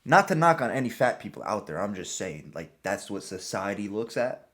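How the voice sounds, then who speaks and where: A man's voice: on the low side, big pitch swings, brisk, fairly bright tone. A man hosting a casual reaction video, talking bluntly with slang and swearing.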